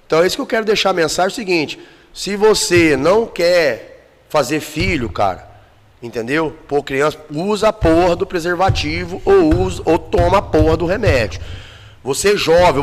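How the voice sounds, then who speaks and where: Recorded in a large hall, this podcast guest's voice sits on the high side. Speaking casually with a Brazilian Portuguese accent, he shares his personal story with raw emotion, bluntness and frequent swearing.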